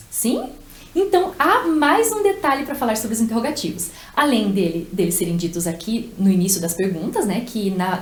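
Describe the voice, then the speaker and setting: Lively, high-voiced woman teaching Spanish. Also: reverberant. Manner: slow, carefully articulated model phrases with pauses. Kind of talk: language lesson with repeat-after-me drills.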